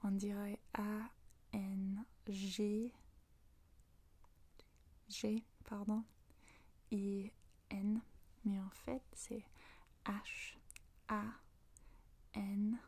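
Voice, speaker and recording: A woman from Manchester with an English accent whispers a gentle ASMR lesson, her breathy voice staying flat and even. She talks slowly and haltingly, often pausing to find the right French word. Her tone is mellow and soft throughout. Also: medium pitch. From Manchester, England. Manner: slow, halting, searching for French words. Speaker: ASMR language teacher.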